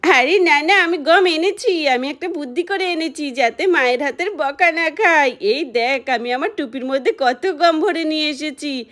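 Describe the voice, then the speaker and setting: A woman voicing a cheeky, mischievous little boy in a doll cartoon, talking in excited exclamations. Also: sits high, a little slow. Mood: scheming.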